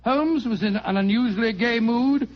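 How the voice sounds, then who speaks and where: Doctor Watson is played on old radio as a warm, fussy older Englishman whose voice is unusually high, heard through a dull 1940s recording. At a moderate pace he reminisces affectionately, circling back over phrases and pausing briefly as he fusses through the tale.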